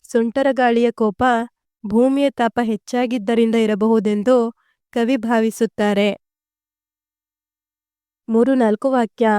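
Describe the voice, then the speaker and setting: A woman reading out school study notes slowly and deliberately, as a teacher dictating answers. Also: on the high side, dark tone, smooth, no echo, clean studio sound. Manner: slow, deliberate, evenly paced reading.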